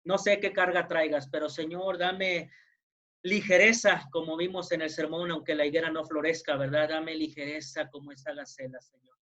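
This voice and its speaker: A man's voice: on the high side, fairly even intonation, normal speed, fairly bright tone, lo-fi sound. A man with a Mexican accent, a pastor giving a sermon in a conversational way, often checking with his listeners for agreement. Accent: Mexican Spanish.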